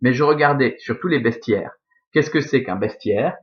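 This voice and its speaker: A man's voice: mid-range voice, moderate pace, highs cut off. A man teaching a Latin grammar lesson, explaining patiently step by step and checking in with his students.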